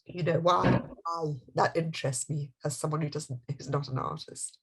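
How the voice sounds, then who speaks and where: A woman answers questions after her talk on a video call. Her voice sits low with a husky edge, and she pauses and restarts as she works through each idea. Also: fairly even intonation. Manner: thoughtful, hesitant, restarts mid-thought. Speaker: guest speaker. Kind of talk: academic Q&A over video call.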